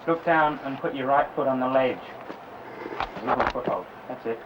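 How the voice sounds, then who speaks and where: A man's voice: medium pitch, moderate pace. A man coaching a climber outdoors with casual instructions and encouragement. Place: outdoors at a rocky cliff. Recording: dull 1970s location film sound, very noisy.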